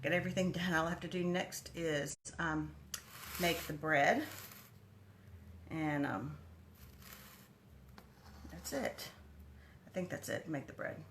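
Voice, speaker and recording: This Texan woman hosts a casual live cooking stream from her home kitchen, chatting with viewers by name. Her voice is low and fairly bright, and she takes it slowly with long pauses. There's slight background noise, and her Texan accent comes through.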